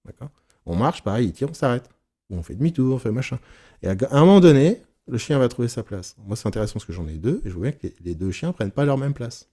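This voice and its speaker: A man leading a casual teaching session for therapists, frank and animated, swearing casually and acting out his examples. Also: medium pitch, quick pace. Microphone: recorded live session, on YouTube.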